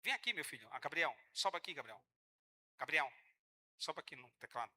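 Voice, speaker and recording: A man preaching a sermon in church, animated and joking with the congregation, often acting out the voices of church members. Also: on the high side, moderate pace. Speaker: pastor.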